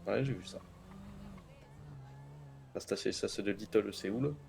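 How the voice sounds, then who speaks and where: A man's voice: on the low side, measured pace, creaky, a little mellow, slight background noise. A man chatting colloquially, with mild swearing, in an improvised online role-play game.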